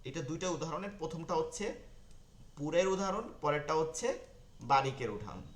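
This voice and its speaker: A man teaching an online Quran reading lesson, repeating key terms slowly and checking that his learners follow. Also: on the high side, roomy sound.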